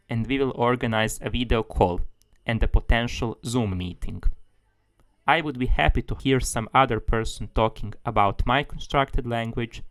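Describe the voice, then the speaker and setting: A man's voice: medium pitch, no echo. A man giving a tutorial as a language tutor, explaining things steadily, step by step.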